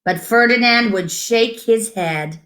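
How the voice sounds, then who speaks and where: Reading to children from a picture book, this story-time reader, a woman whose voice runs on the high side, speaks gently, deliberately and expressively. She pauses for asides about the pictures.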